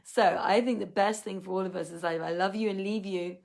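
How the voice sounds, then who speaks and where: A woman of middle pitch reads an old tale aloud as the host of an online reading. Her telling is measured, with emphatic rises on key words. She ends with a relaxed, tired chat to her viewers. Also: vocal fry. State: tired, yawning. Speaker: host and reader. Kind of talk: casual sign-off to viewers.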